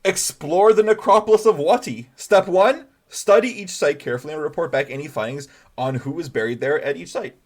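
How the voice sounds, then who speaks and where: A man's voice: a little high, fairly quick, few pauses, a little mellow. A man narrating as game master of a tabletop game, chatty and rambling, with many fillers and restarts.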